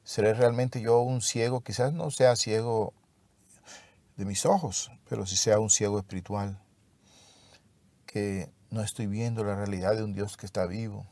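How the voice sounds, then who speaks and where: A man leading a devotional Bible lesson in a slow, reflective way, pausing and restarting as he explains the text. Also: lowish voice, a little mellow, no echo. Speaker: Bible teacher.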